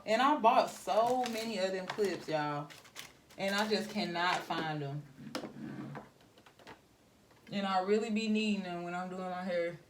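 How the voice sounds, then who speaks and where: At home getting ready, a young woman vlogger does her hair while animatedly telling viewers, whom she calls y'all, a story about work. Her mid-range voice comes at a moderate pace, somewhat far from the mic, with slight background noise.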